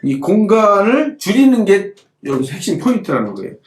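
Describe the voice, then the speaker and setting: A middle-aged man's high-pitched voice leaps through huge pitch swings as he briskly teaches calligraphy in an echoey room. Demonstrating as he goes, he keeps repeating points and asking the students rhetorical questions.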